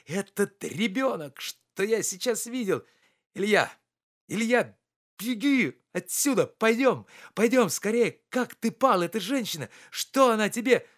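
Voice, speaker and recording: Devoted, urgent friend, read by a man: raised pitch, quick, insistent, for a storybook reading. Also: lively intonation, close to an everyday voice. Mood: anguished. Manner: raised, fast, insistent pleading.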